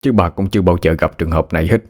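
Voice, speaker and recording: A man voicing a middle-aged village father who speaks calmly and deliberately. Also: sits low. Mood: solemn.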